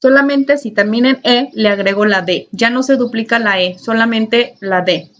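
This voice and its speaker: A woman's voice: a little high, normal speed, a bit bright. Patient woman teaching a lesson. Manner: patient, repetitive, checks in with "¿sale?" and "¿ok?". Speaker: English teacher. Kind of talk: recorded online class lesson. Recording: dull lo-fi recording.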